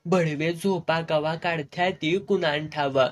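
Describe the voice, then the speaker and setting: A narrator voicing a gruff, stubborn village husband in rough rural dialect, reading a serialized novel. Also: mid-range voice, fairly even intonation, slow pace, close to an everyday voice. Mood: grumbling.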